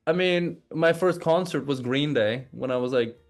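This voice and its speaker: Soft background music plays under a man's fairly high voice, delivered at normal speed with some vocal fry. Raised bilingual in English and Norwegian in Oslo, Norway, he is a guest in a casual conversational interview and tends to repeat words as he gathers his thoughts.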